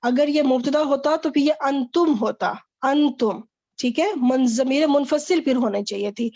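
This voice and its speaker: A woman's voice: high-pitched, darkish tone, muffled recording. A woman teaching an online Arabic grammar lesson, quizzing a student and explaining patiently.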